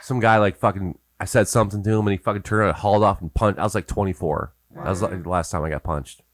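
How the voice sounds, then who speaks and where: Band interview host: American male, 50s, lowish dry voice, loose, teasing, sweary banter. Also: steady tone, fast, no echo. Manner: joking, teasing, swears freely.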